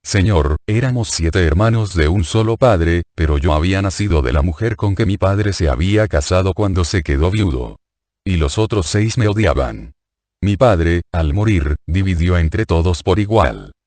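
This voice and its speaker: Brief: man reading as a grieving poor beggar, very low voice, dry close sound. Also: lively intonation, moderate pace, darkish tone, no echo. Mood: sorrowful. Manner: mournful, confessional. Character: poor sorrowful male beggar, adult.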